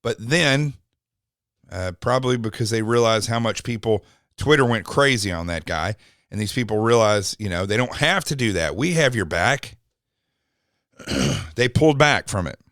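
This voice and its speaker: A man with a fairly low voice delivers opinionated podcast commentary. He sounds indignant and mocking, drifting into tangents as he goes. The recording is dry, with little room sound. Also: lively intonation, normal speed, fairly bright tone, no echo. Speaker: podcast host.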